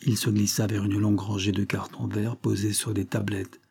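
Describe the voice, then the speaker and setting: A man reading a classic novel aloud in measured, even scripted narration. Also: fairly low pitch, vocal fry, breathy edge. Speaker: audiobook reader.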